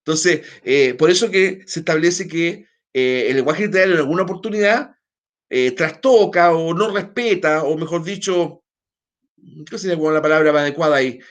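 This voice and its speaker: A man's voice: on the high side, normal speed. A man with a Chilean accent teaching an online class, explaining at length, often checking in with tag questions. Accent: Chilean Spanish. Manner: hesitant restarts, talks on in a loose flow.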